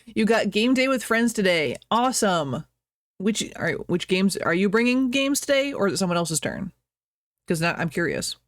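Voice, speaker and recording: A woman's voice: medium pitch, animated, moderate pace, no room sound, studio quality. A young adult woman streamer chatting casually at home, rambling, reading chat aloud and laughing often. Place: at home, birds outside.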